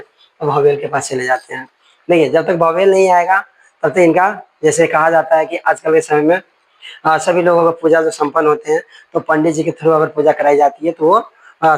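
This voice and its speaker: A man's voice: on the high side, breathy edge, rough recording. A male teacher giving a grammar lesson, explaining with homely analogies and checking in with the class often.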